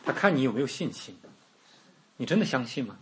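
A man preaching a sermon, telling the story in a lively way and acting out the people in it. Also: medium pitch, fairly quick, background noise. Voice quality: very husky voice.

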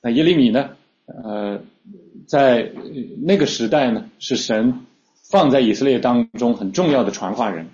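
A male preacher delivers a teaching sermon in a relaxed, conversational manner, often pausing on fillers and restarting his phrases. His voice sits at an ordinary middle pitch, and the recording sounds a little dull and lo-fi. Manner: conversational teaching, frequent fillers and repeated starts.

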